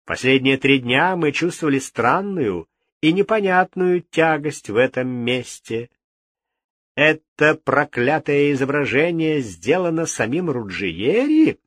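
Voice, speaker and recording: A vain and haughty king speaks coldly and slowly with sweeping rises in pitch, as a man puts him on. The husky voice is recorded close in a dry space. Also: sing-song, a bit bright, no echo, full character voice. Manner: cold, haughty. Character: vain, cold, easily frightened male king.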